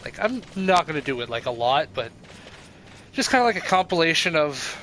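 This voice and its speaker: A young man with a high, light voice chats loosely over his gameplay. He is irreverent and swears offhandedly. A faint hiss sits under his voice. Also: sing-song, brisk, fairly bright tone. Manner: chatty, irreverent, swears casually. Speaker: let's play streamer. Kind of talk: casual gameplay commentary.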